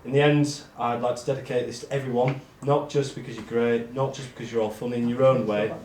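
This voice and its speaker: Monotone man giving a rambling speech. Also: mid-range voice, quick pace. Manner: self-deprecating, rambling with ums. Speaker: award speech giver among friends. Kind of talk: casual speech read to friends. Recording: echoey room with faint noise.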